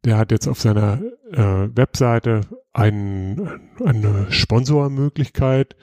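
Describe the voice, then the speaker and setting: Mellow-voiced male podcast host. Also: lowish voice, slow pace, no room sound. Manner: relaxed, explanatory, many filler sounds and restarts. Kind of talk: casual podcast chat.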